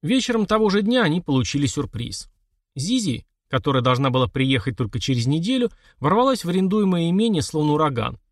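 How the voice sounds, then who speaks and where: Expressive male audiobook narrator. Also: a little high, fast talker, no room sound, studio quality. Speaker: audiobook reader. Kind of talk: scripted narration.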